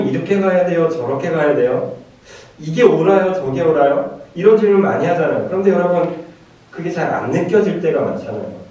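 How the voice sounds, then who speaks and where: A man's voice: mid-range voice, a little mellow. A middle-aged man preaching a sermon as a pastor, talking with his congregation, asking questions and answering them himself. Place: church sanctuary. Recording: echoey church hall, mic at a distance.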